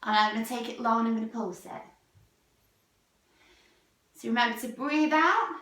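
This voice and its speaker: A woman's voice: on the high side, normal speed, fairly bright tone. A young woman, a fitness instructor, talking casually through a workout vlog, upbeat and chatty, at times out of breath.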